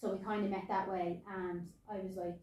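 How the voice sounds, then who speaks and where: Irish female podcast co-host, chatty storyteller, mellow tone, recorded off-mic in a very echoey room. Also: mid-range voice, moderate pace, recorded from a distance. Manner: chatty, animated storytelling with quoted asides. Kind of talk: casual unscripted chat.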